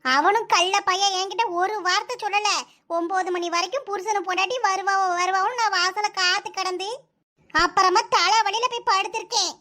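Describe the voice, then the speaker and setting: A woman doing a shrill scolding old mother-in-law. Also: fairly even intonation, a little fast, sharp tone. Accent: Kanyakumari Tamil. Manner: nagging, scolding, sarcastic. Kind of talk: comic cartoon dialogue.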